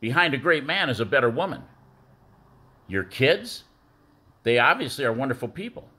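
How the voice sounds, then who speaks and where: A man's voice: mid-range voice, animated, normal speed, bright, forceful tone, breathy edge. A middle-aged man, a former youth football coach, giving a rambling birthday tribute full of fillers and war stories. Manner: rambling storytelling with many fillers.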